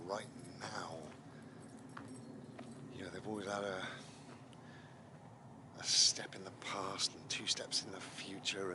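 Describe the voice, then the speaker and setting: Male, fairly deep, unhurried and repetitive, casual walking meditation, noisy open-air sound. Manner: unhurried, musing, repeating phrases. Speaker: vlogger guiding mindfulness and breathing. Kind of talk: casual spoken meditation while walking outdoors. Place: outdoors, walking in the countryside. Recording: noisy outdoor walking recording.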